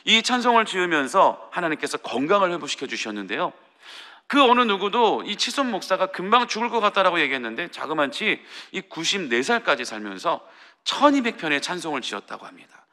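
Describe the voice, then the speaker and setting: Pastor, male, earnest dawn-service sermon, high and very bright voice, long church reverb. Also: sing-song, fairly quick. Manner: earnest, pleading preaching with acted parent voices. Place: church sanctuary.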